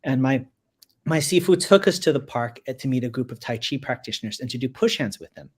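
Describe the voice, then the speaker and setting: A man in his forties telling a story in a relaxed, talkative way, often repeating words as he goes. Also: mid-range voice, brisk, slightly rough. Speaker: resident kung fu master. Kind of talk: casual storytelling on a live show.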